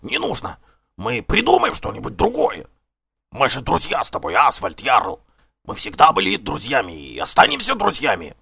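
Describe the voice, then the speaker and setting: A man voicing a frightened, two-faced Norse king in an audiobook, shrill and frantic. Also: huge pitch swings, normal speed, gravelly, bright, forceful tone, breathy edge, no room sound, exaggerated voice. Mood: panicked. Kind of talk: audiobook character voice.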